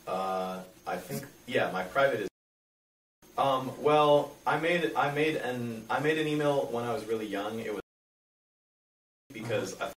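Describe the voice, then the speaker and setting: A man's voice: medium pitch, expressive, measured pace, a bit bright. A young adult man being interviewed, explaining things casually in a hesitant, rambling way. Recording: echoey room, distant mic, faint noise.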